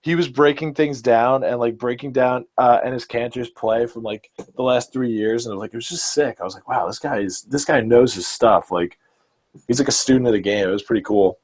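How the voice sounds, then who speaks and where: A man's voice: mid-range voice, steady tone, fairly quick, darkish tone. Enthusiastic young man chatting sports. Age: early 20s. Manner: enthusiastic, rambling, fillers and restarts. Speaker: podcast host. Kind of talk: casual sports chat.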